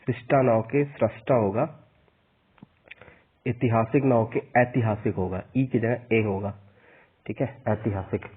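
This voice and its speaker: A man teaching a spelling lesson for an exam, slowly spelling out each vowel sign and repeating the corrections. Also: fairly low pitch, fairly even intonation, slight background noise. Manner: slow and repetitive, spelling out vowel signs. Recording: tinny phone-like sound.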